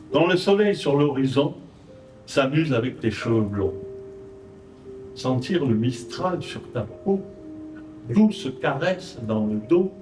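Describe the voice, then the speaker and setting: A man with a Provençal accent recites his verse on stage, each line measured and rhythmic. His speech is unhurried and his voice sits a little high. A zither plays clearly behind him, and the recording is roomy and picked up from a distance. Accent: Provençal French. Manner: measured, rhythmic verse delivery with brief spoken introductions. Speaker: poet. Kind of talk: live poetry recital. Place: stage at an art exhibition. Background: zither accompaniment.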